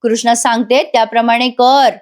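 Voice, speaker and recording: Woman playing a stern father, reproachful, slow-spoken. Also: fairly high pitch, little pitch movement, darkish tone, close to an everyday voice. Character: stern disappointed older father.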